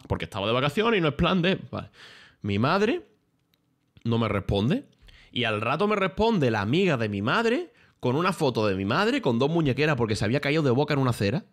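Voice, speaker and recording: A man's voice: medium pitch, brisk. A young man, streaming and telling stories in casual chat, full of slang and swearing. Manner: animated storytelling with lots of slang and swearing.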